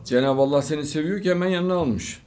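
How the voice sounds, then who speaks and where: A man hosting a studio talk show, handing out religious blessings and praise in unhurried, drawn-out phrases. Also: a little high, darkish tone. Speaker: host.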